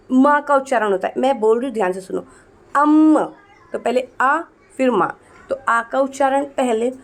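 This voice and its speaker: A woman's voice: fairly high pitch, vocal fry. A woman teaching an exam-prep lesson, asking and answering her own questions, repeating key points and calling her students "beta". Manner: addresses students as beta, firm and coaxing.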